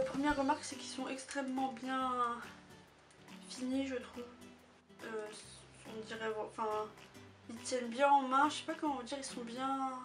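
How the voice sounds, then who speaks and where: A woman chats through a product review in a slightly high voice, hesitating often between phrases. She sounds set back from the microphone, with music playing clearly underneath. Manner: chatty, hesitant, many filler pauses. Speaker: beauty vlogger. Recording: distant mic with music behind.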